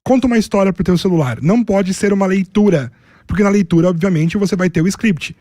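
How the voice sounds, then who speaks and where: This Brazilian-accented public speaking coach talks at a quick pace in a high-sitting, dark-toned voice, breaking his methods into numbered steps and lists as an interview guest. The sound is clean studio quality with no room sound.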